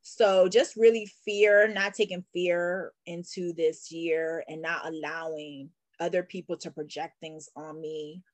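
A woman with a lowish voice shares her faith in a relaxed conversation. She speaks earnestly, in a testifying way, and gets lively when she tells a story. The sound is dry and close. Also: unhurried, few pauses, no echo. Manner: earnest, testifying, animated when telling stories. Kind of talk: faith-based casual conversation.

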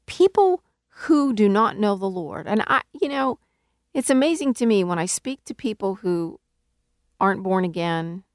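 Slow, earnest woman preaching. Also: medium pitch, expressive, dry recording, studio quality. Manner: earnest, emphatic, rises to calling out. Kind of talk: sermon teaching.

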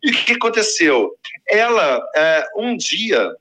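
A man's voice: high voice, slow, slight background noise. A man telling a long personal story in a casual, slangy way, acting out the voices of the people in it. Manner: animated, slangy, acts out quoted voices.

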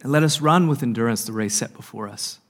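An earnest man giving a sermon at a marriage conference, slowing down to stress key lines. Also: medium pitch. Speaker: conference speaker. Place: conference hall.

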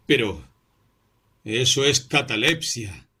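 Audiobook role: man voicing an anxious, pleading young friend, bright and husky tone. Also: mid-range voice, expressive, slow, exaggerated voice. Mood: alarmed. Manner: urgent, pleading. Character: distraught young male clerk, devoted friend.

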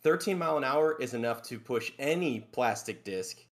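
A man's voice: medium pitch, lively intonation, moderate pace. A man guesting on a casual sports podcast, explaining at length and checking in with "right?". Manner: explanatory storyteller, tags lines with "right?".

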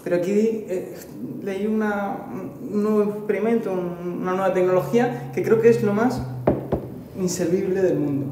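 A man's voice: sits high, normal speed, recorded from a distance, background noise. A man in casual podcast chat, explaining things at length and searching for words. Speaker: podcast co-host. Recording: very echoey room.

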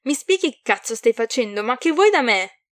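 An irritated teenage boy wizard jolted awake at night, as a woman reader puts him on, snapping in exasperation. He speaks loudly and sharply in a storybook reading. The recording is dry and close. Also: medium pitch, very animated, normal speed, dry recording. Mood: exasperated.

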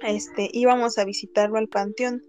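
A woman in a casual chat, reacting to a story and telling one of her own, unhurried, with slang asides. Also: fairly high pitch, level tone, darkish tone, soft background music.

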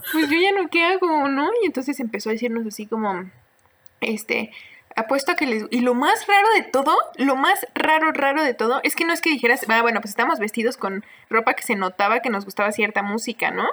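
A young Mexican woman with a fairly high voice tells a strange personal story in a casual podcast chat. She laughs often and drops plenty of slang as she goes. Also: lively intonation, brisk, a bit bright. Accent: Mexican Spanish. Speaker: podcast co-host.

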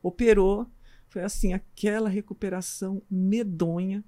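A woman's voice: mid-range voice, steady tone, a little slow, warm tone. A middle-aged Brazilian woman, a doctor and runner, chatting as an interview guest and telling a personal story with quoted dialogue. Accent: Brazilian Portuguese. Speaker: physician guest, amateur runner.

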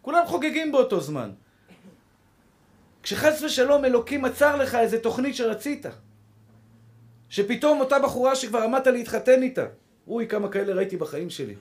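High-voiced impassioned preaching man. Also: lively intonation, pauses often. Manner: impassioned, repeats phrases for emphasis; addresses listeners as brothers. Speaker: rabbi. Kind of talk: Torah sermon to a congregation.

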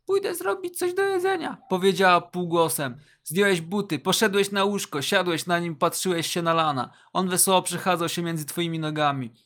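A man's voice: sits high, steady tone, normal speed, few pauses, fairly bright tone. A man narrating a story in the second person in a casual, slangy, joking way, reading internet asides aloud.

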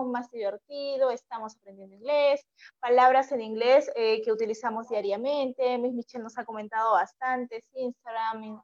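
High-voiced woman hosting an English lesson. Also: dull audio. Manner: explains slowly and repeats key points. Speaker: host of an online English program.

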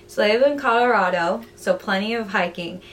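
Young female co-host, lively chatty narrator acting out the quotes; faint noise under the voice. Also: mid-range voice, fairly quick. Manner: chatty, animated storyteller who acts out quotes. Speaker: podcast co-host. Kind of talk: casual chat, retelling a book plot.

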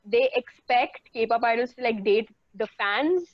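A young woman talks in an animated, casual way, leaning on "like" between her thoughts. Her voice sits a bit high, and the recording is dry and slightly dull. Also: measured pace, no echo. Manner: animated, says "like" a lot. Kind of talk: casual chat.

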